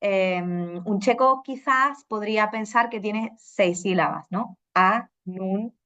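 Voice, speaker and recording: A woman's voice: mid-range voice, slow, fairly bright tone. Woman lecturing, dull lo-fi sound. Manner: explanatory, frequent "eh" and "¿no?" tags. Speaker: Spanish teacher presenting. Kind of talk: conference talk with slides. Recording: dull lo-fi recording.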